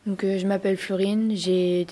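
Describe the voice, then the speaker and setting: A woman's voice: mid-range voice, flat delivery, normal speed, mellow. A twenty-year-old woman speaking hesitantly. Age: 20s. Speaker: youth futsal coach.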